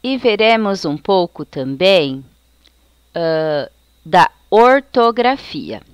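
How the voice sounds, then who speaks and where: Brazilian woman teacher, slow and careful delivery, smooth voice on a dry close mic. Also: lowish voice, sing-song, no echo. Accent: Brazilian Portuguese. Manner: slow, careful explanation, reading out lists. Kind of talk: recorded lesson for children.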